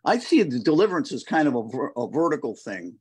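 Over a video call, a man co-hosts a conversational Bible study, reflecting slowly and reading scripture verses aloud. His mid-range voice is husky and darkish, with a sing-song quality.

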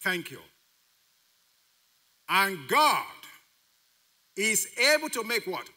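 High, bright-voiced preaching man. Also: big pitch swings, slow pace. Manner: emphatic preaching with call-and-response questions to the congregation; repeats key phrases for emphasis. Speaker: pastor. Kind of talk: sermon.

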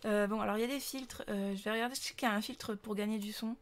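A woman's voice: mid-range voice, fairly even intonation, fast, a little hiss or hum. A young woman from France streaming live, chatting casually with viewers and greeting them with many fillers. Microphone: desk microphone.

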